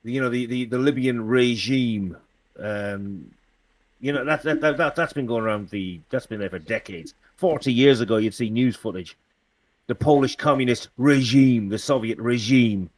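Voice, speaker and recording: A man in casual political chat, halting with many restarts and dry sarcasm. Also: mid-range voice, dry recording. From Britain.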